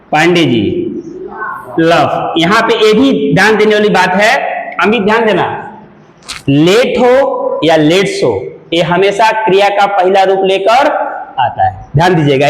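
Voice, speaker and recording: A man with a Hindi accent teaches English to a class, nearly shouting and firing the same question at his students again and again. His voice sits high, and it rings around an echoey classroom. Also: slight background noise. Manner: loud and drilling, repeats questions to the class. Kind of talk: classroom lesson.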